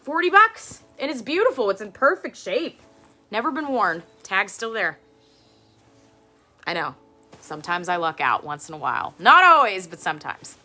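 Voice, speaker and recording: A woman in her thirties hosts a live-stream show and tell from home, very animated as she rambles and laughs often in a low voice with a sharp tone. She talks at normal speed, and faint music plays behind her.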